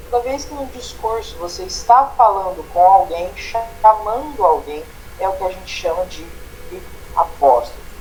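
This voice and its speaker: A man's voice: high voice, a little mellow, a little hiss or hum, rough recording. Brazilian man teaching a grammar lesson. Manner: explanatory, tags phrases with "né?" and "tá?".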